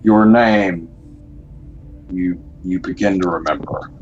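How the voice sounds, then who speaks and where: A young man narrating a tabletop game as game master, slow and deliberate, excitable when joking with friends. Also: low-pitched, highs cut off, faint music behind.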